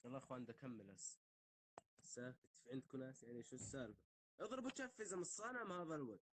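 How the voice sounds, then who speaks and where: A man's voice: medium pitch, animated, racing, noisy background. A man with a Levantine Arabic accent bantering casually on a live stream in an exasperated, scolding, joking way.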